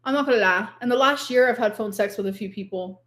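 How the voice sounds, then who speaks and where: A woman's voice: on the high side, fast, fairly bright tone. A drunk woman in her thirties chatting casually on a livestream, rambling and confessional. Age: 30s.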